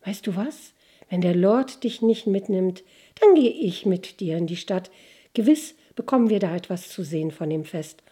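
A woman voicing a kind young goose-herd boy in a fairy tale, who speaks softly and comfortingly. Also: lowish voice, animated, moderate pace, slightly rough.

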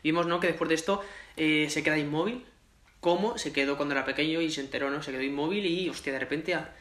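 Spanish guy from spain rambling fast about a movie, swears a lot, keeps saying no?, roomy echo. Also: a little high, a bit bright. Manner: chatty, swears freely, lots of "¿no?". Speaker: podcast co-host. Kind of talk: casual film discussion. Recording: echoey room.

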